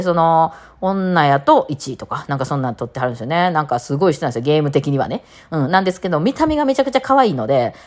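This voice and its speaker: A woman with a Kansai accent hosting a casual solo podcast chat, telling stories with chatty, lively asides. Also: low voice. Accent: Kansai Japanese. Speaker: podcast host.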